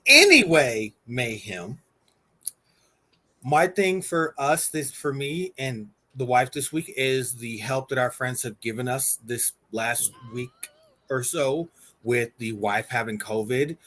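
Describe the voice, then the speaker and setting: Male co-host, easygoing and teasing, mid-pitched voice. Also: expressive, takes it slowly, bright, forceful tone. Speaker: podcast co-host. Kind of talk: casual chat.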